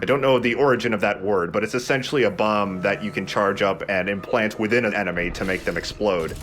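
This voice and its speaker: A let's player with a lowish, fairly bright voice talks fast over a shooter game, offering casual commentary that's informal, explanatory and jokey.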